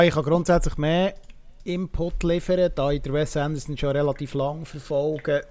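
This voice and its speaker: A man gives his views on films in a relaxed podcast chat. He pauses often to search for words, and his voice sits slightly high. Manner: thoughtful, filler-heavy. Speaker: podcast co-host. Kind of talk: casual film review chat.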